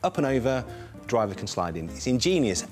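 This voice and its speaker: A man speaking as a car expert in a documentary interview, explaining things with quick enthusiasm. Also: mid-range voice, very animated. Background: background music.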